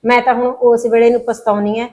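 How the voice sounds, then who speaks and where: A woman playing a quick, apologetic mother-in-law, Punjabi accent, slightly high. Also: flat delivery, a little mellow, lightly acted. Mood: regretful. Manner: apologetic, pleading. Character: remorseful mother-in-law, middle-aged woman. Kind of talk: Punjabi short film acting.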